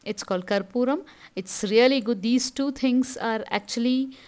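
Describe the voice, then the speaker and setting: A woman's voice: on the high side, normal speed, a little mellow. A middle-aged woman with a Tamil accent, casually narrating her household routine in a chatty, explanatory way as a home vlogger.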